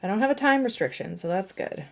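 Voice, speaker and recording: A woman's voice: mid-range voice, animated, fast talker, vocal fry. A young woman, a watercolour artist, chatting casually and laughing at herself as she paints. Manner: chatty, self-mocking, thinking aloud with laughs.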